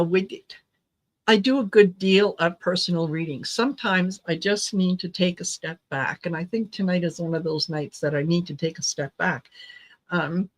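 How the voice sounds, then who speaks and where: A middle-aged woman, originally from Croatia and raised in Canada, hosts a tarot livestream in an unhurried, somewhat low voice. She chats loosely with her viewers, hesitating with ums and restarting her sentences, laughing easily as she goes. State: recovering from low blood sugar, tired. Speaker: tarot reader and livestream host. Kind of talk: casual livestream chat with viewers.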